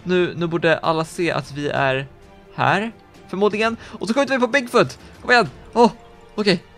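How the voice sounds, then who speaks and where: A man giving excitable, fast-reacting commentary on a video game he is playing. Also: sits high, faint music behind. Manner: excitable, quick reactions, gasps and laughs. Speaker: gaming YouTuber.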